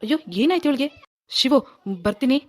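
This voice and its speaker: A woman voicing a puzzled, mild young husband in an animated cartoon, speaking in a lowered voice. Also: fast talker. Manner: bewildered, questioning.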